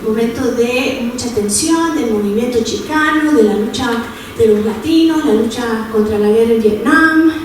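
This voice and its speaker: Picked up by a distant mic in a noisy, echoing room, this workshop presenter speaks at normal speed in a slightly high voice. Salvadoran-born and San Francisco-raised, she keeps the academic session casual, full of fillers and tag questions.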